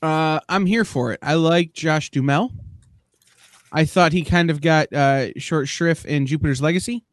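A man's voice: on the high side, moderate pace, no echo. A man hosting a casual chat show, making dry, self-deprecating jokes. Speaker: podcast host.

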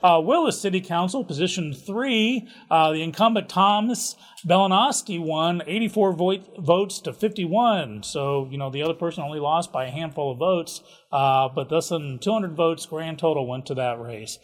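A man's voice: fairly high pitch, moderate pace, hardly any pauses. A man hosting a casual local events rundown, chatty and jokey with offhand asides. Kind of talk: casual community calendar rundown.

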